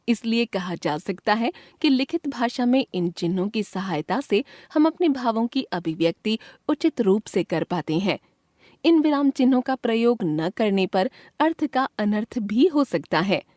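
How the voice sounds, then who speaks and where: A woman reads a textbook grammar lesson in a clear, measured delivery. Her voice sits on the high side and moves animatedly as she voices each example sentence with its own expression. The recording is close and dry, with no room sound. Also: darkish tone, no echo. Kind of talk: scripted textbook lesson reading.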